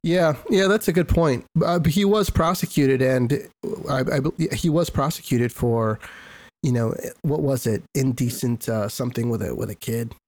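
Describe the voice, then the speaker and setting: A man with a congested, stuffy-nosed sound from being sick, hosting a casual sports podcast in a halting way that repeats words. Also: mid-range voice, a little mellow, dry recording. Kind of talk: casual hockey commentary.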